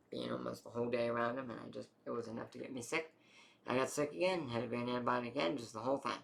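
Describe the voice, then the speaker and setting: A man's voice: mid-range voice, creaky, a bit bright. A young man casually telling his own story in a rambling way, full of fillers and the odd swear word.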